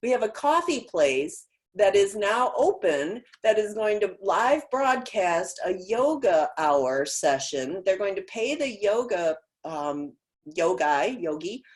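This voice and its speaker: A woman giving a marketing webinar over a video call, talking in a lively conversational way with many rhetorical questions. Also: mid-range voice, a little slow, hardly any pauses. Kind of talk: webinar talk.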